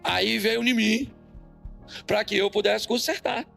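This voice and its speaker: A Brazilian pastor preaches in a high, gravelly voice with a bright, forceful edge, joking with his church and pressing them with quick questions. Soft music plays under his words in the live service. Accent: Brazilian Portuguese. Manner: animated, joking, asks the congregation questions. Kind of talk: lively church sermon with audience call-and-response.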